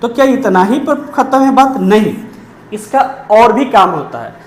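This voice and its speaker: A woman teaching a grammar lesson, who poses questions and answers them herself and repeats key terms slowly. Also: a little high, big pitch swings, roomy sound.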